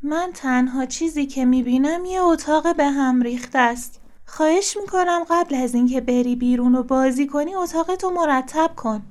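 A patient mother turtle from a children's storybook asks her son to tidy up, firm but polite, as a woman reads her in a high voice. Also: a little mellow, lightly acted. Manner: firm, pleading.

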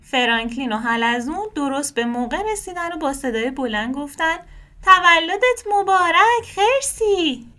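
Woman, children's storybook reading, gentle, expressive, high voice. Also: hardly any pauses.

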